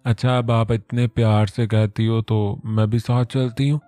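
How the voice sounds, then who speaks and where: A man voicing a quick-tempered young woman who scolds and sulks in a storybook reading. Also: mid-range voice, flat delivery, mellow, no echo, faint music behind, lightly acted. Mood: fiery. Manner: scolding, sulky.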